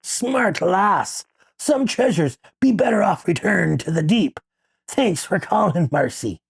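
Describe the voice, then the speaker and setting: A performer playing a gruff male pirate captain who hosts a radio call-in show, talking in a rolling, theatrical pirate manner. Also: mid-range voice, lively intonation, slow. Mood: approving. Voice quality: gravelly, husky. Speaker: radio host.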